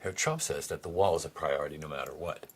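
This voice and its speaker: A man hosting a solo political commentary podcast, sarcastic and profane, firing off mocking rhetorical questions and jumping from muttered asides to sudden high outbursts. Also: fast, husky. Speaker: podcast host.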